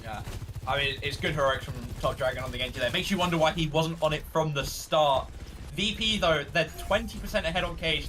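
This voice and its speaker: Male esports analyst caster, quick conversational delivery, slightly high voice, clear background noise. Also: pushed and bright. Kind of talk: live analytical esports commentary.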